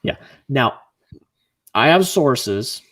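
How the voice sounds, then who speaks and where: A man hosting a livestream, chatting casually in an earnest, rambling way that grows animated when he is frustrated. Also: medium pitch, drawn-out words. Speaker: livestream host.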